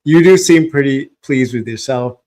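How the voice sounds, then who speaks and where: A man's voice: medium pitch, normal speed, a little mellow. A man hosting a casual live reaction stream, rambling with restarts and laughing between phrases, at a desk microphone.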